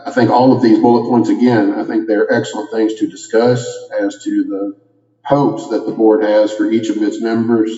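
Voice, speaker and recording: A man with a Kentucky accent gives legal advice in a low, even, mellow voice, choosing his words carefully. He sounds slightly muffled, as if talking around a cough drop. The audio is dull and lo-fi, with a long reverb. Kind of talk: formal legal explanation. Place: meeting room. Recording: echoey hall, dull lo-fi sound.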